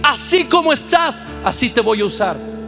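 A man's voice: very high-pitched, lively intonation, normal speed, pushed and bright, full character voice. A man voicing the Lord as a patient, encouraging speaker. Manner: firm, encouraging. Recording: reverberant hall with music.

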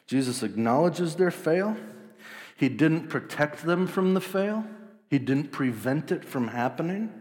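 A man in his thirties preaching a sermon as pastor, animated, acting out the voices of the people in the story. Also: fairly high pitch, long reverb tail. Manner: animated, acts out voices of disciples.

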